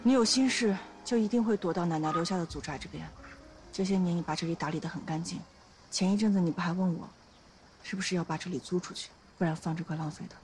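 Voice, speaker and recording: A woman's voice: fairly low pitch, fast, a little mellow, natural voice. An actress playing a loyal female best friend in a TV drama, earnestly explaining what happened. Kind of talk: TV drama acting. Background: music.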